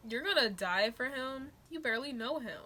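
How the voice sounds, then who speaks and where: A woman's voice: high voice, animated, normal speed, noisy background. A young woman hosting a reaction video, critiquing a film with exasperated, laughing commentary.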